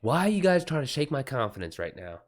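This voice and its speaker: This is a male author on a livestream, chatting casually at a fast clip with a medium-pitched, very animated voice. His talk is loose, slangy and full of swearing, and he rambles through anecdotes, replaying conversations as quoted back-and-forth.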